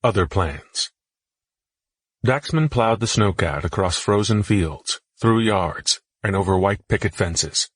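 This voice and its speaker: A man narrating a fantasy audiobook in a steady, measured reading voice. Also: fairly low pitch, slightly rough, no room sound. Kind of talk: scripted narration.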